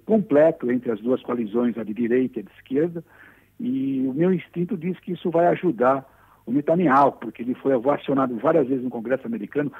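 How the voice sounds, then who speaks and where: Guy calling in from abroad, gravelly husky voice, tinny phone sound, analytical. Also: medium pitch. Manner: measured analytical, opinionated. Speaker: foreign correspondent. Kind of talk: live analysis over phone.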